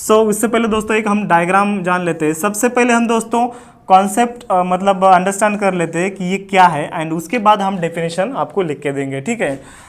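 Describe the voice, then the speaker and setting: A man's voice: high voice, a little fast. An Indian man teaching a physics lesson, mixing English into Hindi and asking questions that he answers himself. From Maharashtra, India. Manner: addresses students as friends, mixes English into Hindi, asks and answers himself.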